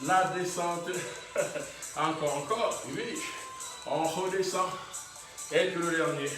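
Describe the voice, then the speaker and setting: A man with a highish voice leads a fitness class at a slow pace, calling out short, encouraging exercise cues and chuckling often. His voice comes from a distance in a very echoey room, with faint music playing.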